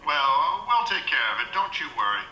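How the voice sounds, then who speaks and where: A man's voice: a little high, big pitch swings, normal speed, bright, forceful tone, roomy sound, exaggerated voice, poor audio. A man playing an unimpressed, placating police desk sergeant in a radio thriller, offhand and patronizing. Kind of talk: theatrical radio thriller acting.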